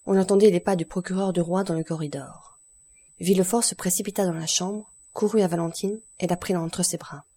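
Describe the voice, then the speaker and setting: A woman narrating a classic novel for an audiobook, with a steady, expressive delivery. Her voice is lowish, dark and mellow, with a slight huskiness. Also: brisk, husky.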